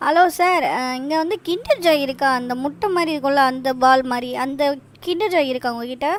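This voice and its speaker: A woman's voice: high-pitched, moderate pace, close to an everyday voice. A woman voicing Franklin, a patient, coaxing young man. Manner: soothing, coaxing. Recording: dry close recording.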